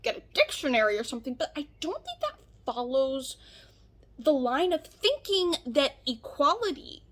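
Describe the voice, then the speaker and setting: A woman's voice: sits high, big pitch swings, normal speed. A woman reacting casually to online comments, reading them aloud in disbelief with sarcastic, mock-earnest understatement.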